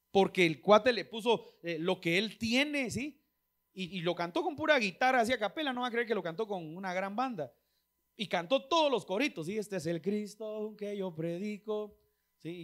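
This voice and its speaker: A high-pitched male pastor delivers a chatty sermon. He keeps checking in with his listeners, and now and then he sings short snatches of old hymns. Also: a bit bright. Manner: conversational preaching, asks listeners "¿sí?" often.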